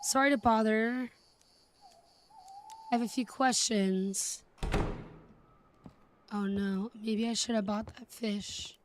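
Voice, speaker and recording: A woman's voice: a little high, fairly even intonation, takes it slowly, pauses often, a little hiss or hum. A woman giving casual, playful let's-play commentary, reacting aloud and reading out game dialogue. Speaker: game streamer.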